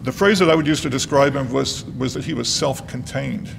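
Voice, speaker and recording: A man delivering a eulogy as a professor, speaking and reading aloud in a solemn, measured manner with a gravelly voice. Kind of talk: eulogy speech, partly read aloud. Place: large reverberant hall. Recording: noisy, reverberant hall with low rumble.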